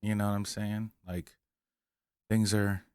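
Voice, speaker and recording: A man's voice: lowish voice, level tone, measured pace, a little mellow, smooth, no room sound, clean studio sound. A man in his forties co-hosting a casual podcast, easygoing and full of fillers. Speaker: podcast co-host, rapper. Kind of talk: casual chat.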